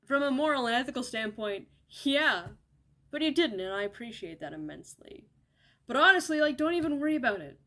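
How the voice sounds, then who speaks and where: High-voiced woman doing comedy sketches. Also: a little fast. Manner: casual, swears a lot, deadpan banter. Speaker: sketch comedy creator playing all roles.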